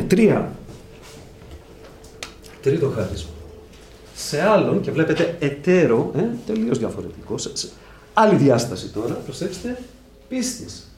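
A man preaching a sermon, dictating points for listeners to write down and repeating key phrases with strong emphasis. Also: on the high side. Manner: addresses brothers, lively rises and drops. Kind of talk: sermon teaching. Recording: echoey room with faint ambience.

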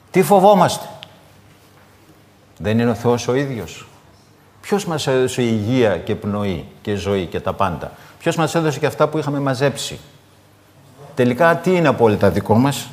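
Man, preacher, sermon, folksy animated storytelling, mid pitch, long hall reverb.

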